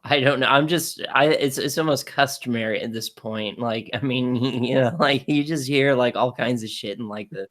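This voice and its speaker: A man venting on a live stream in a mid-pitched voice. He sounds exasperated and leans hard on "like" as a filler. The talk is loose and casual. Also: normal speed, few pauses, a bit bright.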